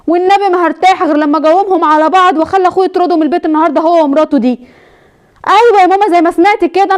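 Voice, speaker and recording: A pushy, scheming young wife, played by a woman with an Egyptian accent stirs up a family quarrel. Her voice sits very high and the words tumble out fast and nagging. This is comedy sketch acting. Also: a little mellow. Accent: Egyptian Arabic. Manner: rapid nagging chatter, stirring up trouble.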